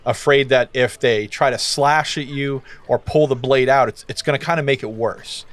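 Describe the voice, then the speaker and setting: A man's voice: mid-range voice, steady tone, moderate pace, fairly bright tone. A man running a tabletop game as game master, narrating in a casual, loose way full of fillers.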